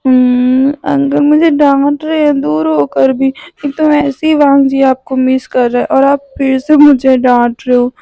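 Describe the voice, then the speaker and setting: A woman's voice: high-pitched, steady tone, measured pace, dry recording, muffled recording. A woman doing a whiny, pouting young man. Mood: whiny pleading. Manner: whiny, pleading. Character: clingy, pouting young man crying for his uncle. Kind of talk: storytelling voice acting.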